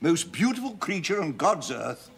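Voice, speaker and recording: A man's voice: fairly high pitch, sing-song, normal speed, gravelly. An actor playing a boastful older father who rambles through war stories and chuckles as he talks. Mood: rambling. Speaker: father in a sitcom. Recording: studio audience laughter.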